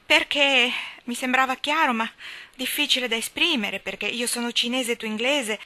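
A woman's voice: a little high, moderate pace, sharp tone, voice pushed up. A woman reading aloud and giving voice to a tormented young woman doctor, speaking out in impassioned, defiant bursts. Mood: earnest. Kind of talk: dramatic audiobook reading.

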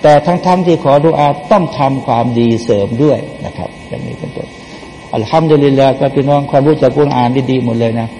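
A man's voice: mid-range voice, fast talker, dark tone. Man, Quran teacher, sermon commentary, rhetorical questions, chanted verses, echoing hall, faint hiss. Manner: asks the audience questions and answers them himself; chants Arabic verses between plain explanations. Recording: long hall reverb, faint background noise.

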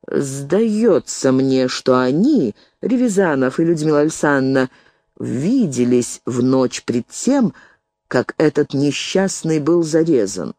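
A woman voicing a cold, sardonic middle-aged male writer who speaks in slow, drawn-out reasoning. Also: low voice, expressive, warm tone, no room sound, full character voice. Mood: coolly reasoning.

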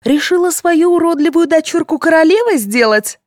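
A furious middle-aged mother shrieks insults in a high, strained voice, as a woman narrator puts her on. The reading is close and dry, with no room echo. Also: expressive, moderate pace, close to an everyday voice. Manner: screaming insults.

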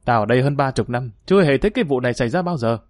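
A man reading an audiobook, voicing an older, gruff male neighborhood boss who speaks bluntly. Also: medium pitch, expressive, racing, darkish tone, dry recording, clean studio sound, lightly acted.

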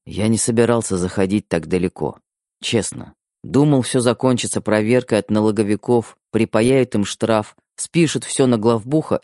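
A man's voice: lowish voice, dark tone, no room sound, clean studio sound, lightly acted. A man voicing a tough, blunt husband in an audiobook, speaking in coarse, plain words. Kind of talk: audiobook character voice.

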